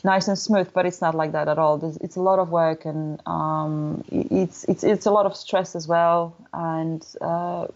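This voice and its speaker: Woman, 30s, Polish accent, low voice, candid casual talk, muffled lo-fi audio. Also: steady tone, measured pace, hardly any pauses, a little mellow. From Poland. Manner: candid, many restarts and "you know" fillers. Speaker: guest, motorcycle traveler. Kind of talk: casual interview conversation.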